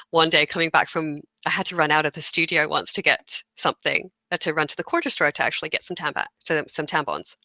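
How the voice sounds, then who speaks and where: Woman in her thirties, low bright voice, dry close sound, slightly dull recording, animated storyteller. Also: no room sound. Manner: emotional, animated storytelling with laughs. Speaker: game designer. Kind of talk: conversational interview.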